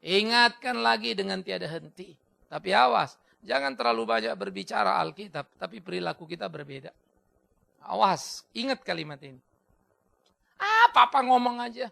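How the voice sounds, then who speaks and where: A male pastor delivers a sermon in a strongly gravelly, bright and sharp voice that sits high for a man. He swings between loud, pressing exhortation and soft storytelling. He drives home key phrases by repeating them and slips English words into his talk. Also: expressive, normal speed.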